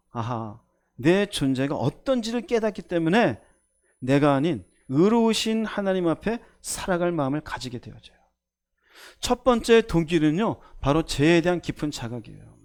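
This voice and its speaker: High-voiced pastor preaching emphatically. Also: male voice. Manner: emphatic, asks the congregation questions, acts out voices. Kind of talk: sermon.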